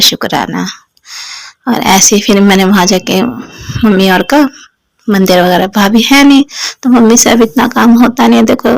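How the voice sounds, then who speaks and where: Gravelly-voiced woman sharing a devotional story. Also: medium pitch, no room sound, rough recording. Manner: rambling, repeatedly addresses listeners respectfully. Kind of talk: devotional personal testimony to a congregation.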